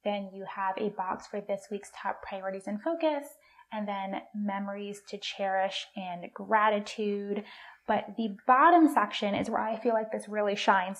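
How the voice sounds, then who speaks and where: Female vlogger, medium pitch, upbeat and conversational, reviewing product details. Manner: upbeat, chatty, enthusiastic. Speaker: planner reviewer. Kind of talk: casual product review walkthrough.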